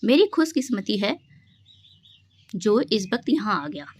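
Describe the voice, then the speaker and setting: A woman's voice: mid-range voice, big pitch swings, measured pace. A woman reading the part of a polite, friendly young boy visiting a neighbor.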